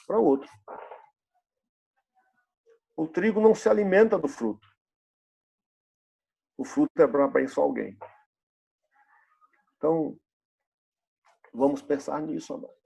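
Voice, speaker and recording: A man's voice: fairly high pitch, unhurried, gravelly, pauses often, dark tone, slightly rough. A pastor in his fifties preaching a sermon in a church, asking the congregation rhetorical questions and repeating key phrases. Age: 50s.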